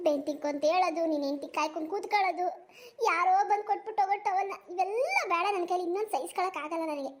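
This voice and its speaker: A very high, shrill old village grandmother, voiced by a woman who scolds and laments melodramatically. She is a proud, quarrelsome cartoon granny who complains constantly and loudly. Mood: demanding. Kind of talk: animated cartoon voice acting.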